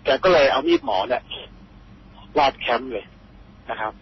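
A Thai man calling in to a radio show, telling a ghost story in a halting, earnest and polite way. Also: mid-range voice, sing-song, creaky. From Thailand. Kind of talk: phone-in storytelling. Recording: dull phone line with faint hiss.

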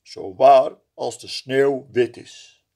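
A man reading a picture book aloud, voicing a gentle snowman in a soft, hushed, tender tone. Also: medium pitch, slow pace, vocal fry. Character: gentle male snowman, slowly melting.

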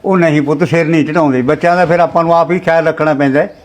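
A man playing a soothing, soft-hearted father. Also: fairly high pitch, fairly even intonation, racing, natural voice. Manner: placating, calls everyone son. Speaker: father in a family skit. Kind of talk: Punjabi short-film acting.

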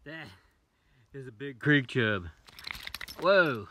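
A middle-aged man from West Virginia hosts a casual fishing vlog beside a small wooded creek, keeping up an easygoing running commentary as he's filmed on a phone that's sometimes set far away. His mid-range voice is pushed and bright, with lively intonation and a slow pace, and there's slight background noise.

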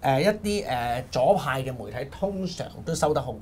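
A man's voice: medium pitch, animated, a little mellow. A man with a Hong Kong Cantonese accent, co-hosting a casual panel talk, questioning and seeking agreement. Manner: fast, questioning, keeps asking "係嘛". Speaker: co-host.

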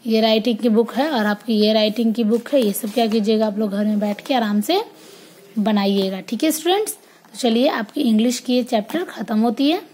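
A woman kindergarten teacher giving an online class to young children, drilling letters and words slowly in a sing-song way. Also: on the high side, a little mellow.

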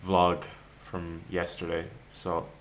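A man in his twenties chatting casually to the camera at home, sounding tired and low-key, rambling with pauses. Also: completely flat delivery, a little hiss or hum. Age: 20s. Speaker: daily vlogger. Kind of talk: casual vlog chat to camera. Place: home kitchen-living room, indoors. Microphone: camera at arm's length.

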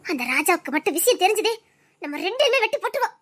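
A frightened young college woman, voiced by a woman, speaking in a very high, quick voice. She sounds torn and anxious throughout. This is emotional audio-drama acting. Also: very animated, fairly bright tone, heavily acted.

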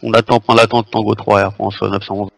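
A man's voice: on the low side, level tone, fast talker, creaky, dry recording. A man speaking as a pilot over a headset radio, giving formal procedural readbacks to air traffic control. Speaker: airline pilot in online flight simulation.

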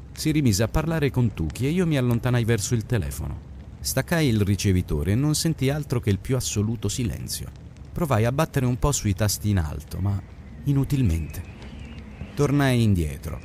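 A man reading an audiobook in a scripted narration style with lively storytelling delivery. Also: mid-range voice, slight background noise.

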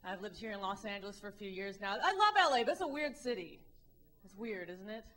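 A Midwestern woman in her thirties performs a wry, animated stand-up set on an indoor comedy club stage, handheld mic in hand, acting out the voices of people she quotes. She talks fast at a medium pitch.

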